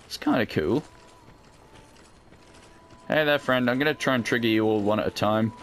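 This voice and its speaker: A man's voice: mid-range voice, normal speed, fairly bright tone. A British man giving casual let's play commentary, sweary and wryly understated, as host. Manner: sweary, dry, wry understatement. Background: video game sound.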